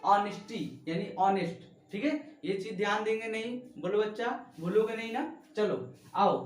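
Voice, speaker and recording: A male teacher giving a classroom grammar lesson, asking the class question after question and spelling words out letter by letter. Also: high-pitched. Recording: echoey room, voice from a distance.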